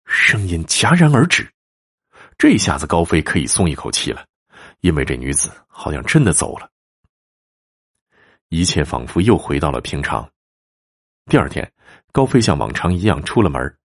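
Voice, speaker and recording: A man narrating a ghost story theatrically, swinging from hushed to alarmed. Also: very deep voice, sing-song, normal speed, long pauses, breathy edge.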